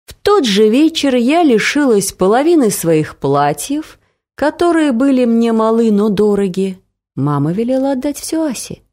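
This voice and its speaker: A woman narrating a first-person audiobook story with expressive storytelling. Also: on the high side, normal speed.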